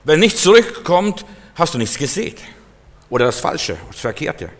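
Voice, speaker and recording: A man preaching a sermon with a somewhat high voice, hammering his points home through repetition and sudden loud-soft swings. He is heard in a church hall whose long reverb trails after every phrase. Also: sing-song, moderate pace.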